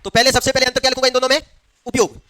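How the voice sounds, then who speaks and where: A man's voice: extremely high pitch, little pitch movement, rapid-fire, pushed and bright, dry recording. A male teacher giving a classroom lecture, asking the class questions and answering them himself. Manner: quizzes the class, answers his own questions.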